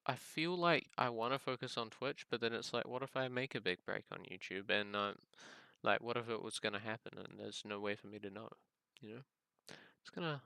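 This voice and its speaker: A man's voice: mid-range voice, gravelly, pushed and bright, smooth, dry recording. A man chatting casually over gameplay as a streamer, musing aloud in a rambling way as he plays. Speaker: gaming content creator and live streamer.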